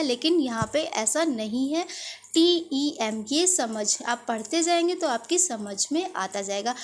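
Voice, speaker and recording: A woman teaching English pronunciation, explaining patiently and drawing out each example word. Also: high voice. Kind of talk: pronunciation lesson.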